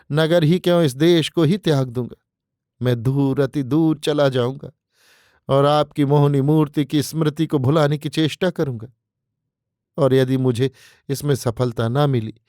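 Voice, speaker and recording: A man's voice: on the high side, darkish tone, dry recording, studio quality, close to an everyday voice. A male narrator voicing a scheming young man who confesses devotion in flowery, pleading words, read as an audiobook character.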